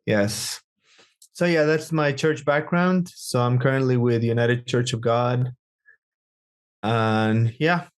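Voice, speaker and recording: A man's voice: mid-range voice, clean tone. A young man from Guatemala, a psychotherapist speaking as a podcast guest, talking casually and searching for words with frequent restarts.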